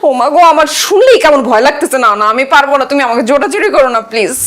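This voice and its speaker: A high-pitched, fast-talking, whiny wife in a TV drama, soft music behind. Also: female voice, expressive. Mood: scared protest. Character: fearful, stingy young wife Shirin. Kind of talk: TV drama acting.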